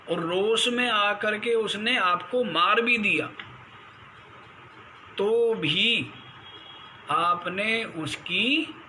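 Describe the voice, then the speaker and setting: Over background noise, a high-voiced man, a swami teaching the Gita, delivers a spiritual discourse on scripture. He chants Sanskrit verses and keeps firing rhetorical questions at his listeners, scolding and mocking them.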